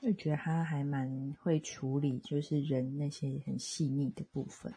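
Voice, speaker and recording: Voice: mid-range voice, flat delivery, normal speed, dark tone, husky. A podcast co-host in a casual, reflective discussion over a phone call, often retelling things with quoted dialogue. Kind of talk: casual conversational discussion of a comic.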